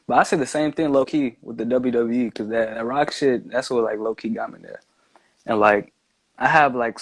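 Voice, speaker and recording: A man's voice: medium pitch, creaky, no room sound, rough recording. A man talking as a podcast guest in a loose, meandering, slangy way, peppered with filler words. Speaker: podcast guest, music maker. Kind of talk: casual chat, slangy.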